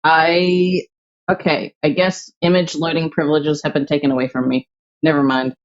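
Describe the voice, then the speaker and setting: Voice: medium pitch, flat delivery, normal speed. A young adult streamer chatting casually while drawing, thinking aloud and rambling with lots of fillers. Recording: slightly dull home stream audio.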